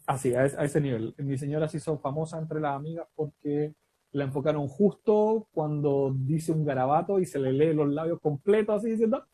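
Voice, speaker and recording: A man from Chile with a Chilean accent, telling a lively story about a quiz show win, often laughing and acting out the dialogue. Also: fairly high pitch, breathy edge, poor audio. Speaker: guest storyteller. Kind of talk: casual anecdote telling.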